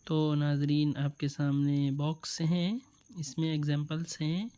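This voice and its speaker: Smooth-voiced man teaching letters slowly. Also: on the high side, little pitch movement, warm tone. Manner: drawls letters and words slowly, then explains quickly; patient, repeats sounds for the learner. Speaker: Quran reading teacher. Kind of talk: step-by-step reading lesson.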